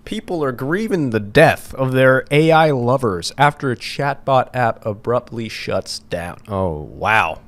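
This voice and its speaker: A young man co-hosting a casual podcast, joking around with slangy asides and quick reactions. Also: mid-range voice, animated, no echo. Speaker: podcast co-host.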